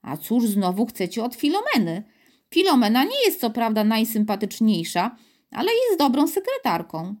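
A woman's voice: fairly high pitch, huge pitch swings, normal speed, darkish tone. A woman voicing a flustered, bewildered middle-aged male city mayor in a storybook reading, puzzled and slightly fussy.

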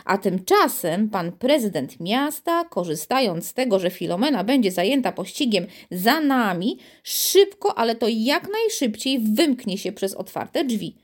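A woman's voice: a little high, sing-song, a little slow, few pauses. Woman narrating a children's story. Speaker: audiobook narrator.

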